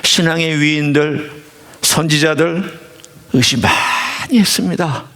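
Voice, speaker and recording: A man's voice: on the high side, takes it slowly, pushed and bright. A male pastor giving a sermon in a church, preaching with animation and putting questions directly to the congregation. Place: church sanctuary.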